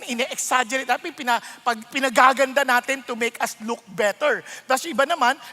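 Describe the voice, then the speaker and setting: A middle-aged man preaching a conversational sermon as a pastor, playful and animated, laughing often and putting questions to his listeners. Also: extremely high pitch, long reverb tail.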